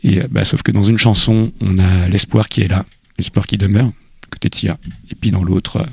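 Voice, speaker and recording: A man's voice: lowish voice, steady tone, fairly quick, creaky, a little mellow, breathy edge. A man chatting casually on a radio show as a guest, presenting a music pick with many hesitations and fillers.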